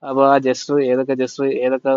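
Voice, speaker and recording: A man's voice: medium pitch, completely flat delivery, fast, a little mellow, clear, resonant tone, no echo, highs cut off. Hesitant man teaching a phone tutorial. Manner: hesitant, with many fillers. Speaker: tech tutor. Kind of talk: casual tutorial.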